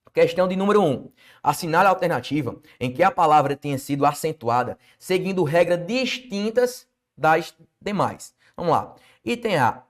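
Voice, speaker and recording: A man with a Brazilian Portuguese accent teaching an exam-prep grammar lesson, quizzing the viewer with rhetorical questions. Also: on the high side.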